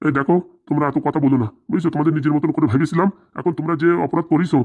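A man's voice: on the high side, steady tone, very fast, lightly acted. A man voicing a tired older village uncle in a cartoon, pleading and scolding. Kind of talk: cartoon dubbing. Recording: dull lo-fi sound.

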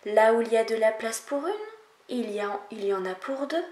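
Une femme prête sa voix aux petits animaux transis blottis dans une moufle, avec un ton aigu et inquiet. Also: female voice, on the high side, fairly quick, darkish tone, echoey room, close to an everyday voice. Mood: timid, protective. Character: small shivering animals huddled in a mitten.

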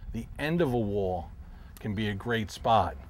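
A middle-aged man, a professional angler, calmly explaining his technique while fishing from a boat on a river, recorded outdoors on a lapel mic. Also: fairly low pitch, measured pace. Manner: calm, explanatory, talks while casting. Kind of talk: instructional fishing commentary. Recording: faint outdoor noise.

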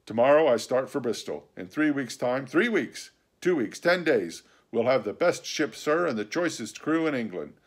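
Man reading as a gushing gentleman squire, loud and eager, voice pushed up a little, boastful, storybook reading. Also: mid-range voice, sing-song, normal speed, hardly any pauses, pitched above the performer's own voice. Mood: excited, boastful. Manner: eager, boastful, tumbling over himself. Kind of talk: audiobook character reading.

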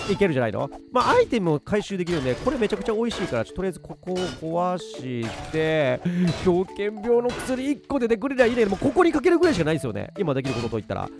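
A man giving lively gameplay commentary, talking to himself and yelping when things go wrong. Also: fairly high pitch. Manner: excited, talks to himself while playing, frantic yelps. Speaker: game streamer.

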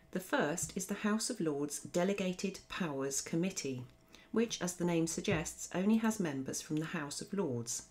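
A woman narrating a scripted law revision lesson as a voice-over, explaining in a clear, methodical way. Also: sits low, darkish tone. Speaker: law teacher.

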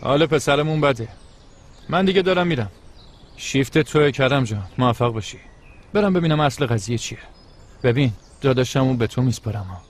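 A man's voice: medium pitch, expressive, close to an everyday voice. A man dubbing a bossy but caring young man friend in a TV comedy drama, chatty and brotherly. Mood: urging.

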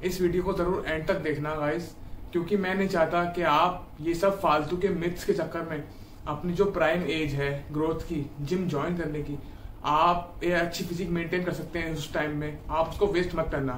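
A man's voice: a little high, fairly even intonation, moderate pace, slight background noise. Earnest young man in an echoey room. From India. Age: 20s. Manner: earnest, encouraging, addresses viewers directly. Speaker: fitness YouTuber. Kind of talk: casual advice talk to camera. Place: small indoor room at home, seated on a bed. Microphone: camera a few feet away. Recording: echoey room audio from a distant camera mic.

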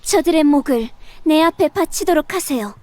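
An actress voicing an imperious goddess of war and vengeance in a video game. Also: female voice, high-pitched, lively intonation, moderate pace, heavy background noise. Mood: commanding. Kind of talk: dramatic game voice acting.

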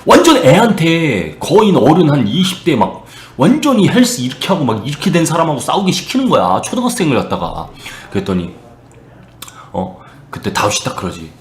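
A man casually retelling a Bible story to a live chat, animated and slipping into character voices. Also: a little high, fairly quick, echoey room.

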